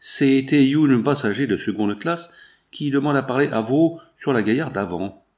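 A man's voice: medium pitch, expressive, a little mellow, close to an everyday voice. A man voicing a polite ship steward who speaks broken French. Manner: halting, broken French phrasing.

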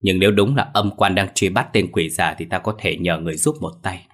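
A man doing a gruff weary old exorcist. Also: sits low, fairly quick, fairly bright tone. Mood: stern. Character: old male exorcist master, stern and weary.

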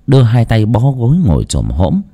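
A man narrating a village ghost story in a hushed, dramatic manner. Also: mid-range voice, big pitch swings, normal speed, breathy edge.

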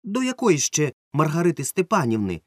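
A man's voice: medium pitch, expressive, normal speed, no room sound, studio quality, voice pushed up, close to an everyday voice. A man voicing a stern, suspicious middle-aged woman yard-sweeper who is secretly a witch, in an audiobook. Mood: stern scolding. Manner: stern, scolding, sharp. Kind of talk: audiobook character voice.

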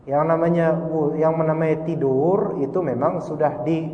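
Joking ustadz in an echoey hall. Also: male voice, fairly high pitch, steady tone, normal speed, slight background noise. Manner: joking, slangy, acts out little dialogues. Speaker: Islamic teacher. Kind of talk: casual religious lecture. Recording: dull roomy hall recording with faint ambience.

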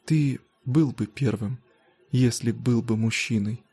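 A man reading an audiobook, voicing a young bride who speaks quietly and firmly to her husband. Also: medium pitch, moderate pace, no room sound, soft background music, natural voice. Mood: cold. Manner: quiet, restrained. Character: young bride, hurt but cold and firm.

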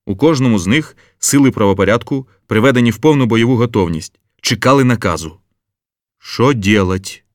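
A man narrating an audiobook in an expressive, lively reading. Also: medium pitch, fast, few pauses, dry recording, clean studio sound. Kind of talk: scripted narration.

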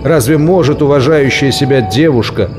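A man's voice: medium pitch, normal speed, natural voice. A man voicing a burly, bigoted male colonist who threatens and scorns, with a menacing, contemptuous delivery. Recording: long reverb with soft music.

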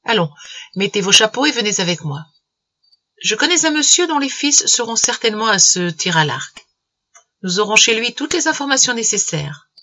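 A woman reading the part of a calm, plain-spoken older uncle in a storybook reading, keeping her tone even and dry. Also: a little high, normal speed, heavily acted. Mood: calm, patient.

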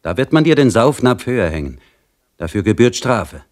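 A man's voice: medium pitch, very animated, normal speed, a little mellow, pitched above the performer's own voice, natural voice. A man voicing a harsh, mocking male jailer who taunts a prisoner in a taunting, raised voice.

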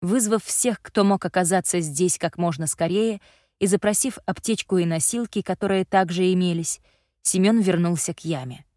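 A woman reading a story aloud as narrator in a measured, even storytelling manner. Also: lowish voice, dry recording, clean studio sound. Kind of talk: scripted audiobook narration.

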